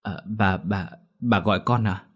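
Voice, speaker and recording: A man's voice: lowish voice, measured pace, slightly rough. A man voicing a timid middle-aged woman cook who stammers and begs for mercy. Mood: pleading. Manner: trembling, pleading, stammering.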